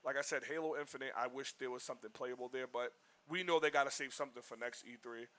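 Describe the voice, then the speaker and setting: A man rambles through casual stream talk, piling on "like" as he goes. His voice sounds bright and forward. He keeps a loose, animated delivery throughout. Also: mid-range voice, quick pace. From Boston, US. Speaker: livestream co-host. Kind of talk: casual chat.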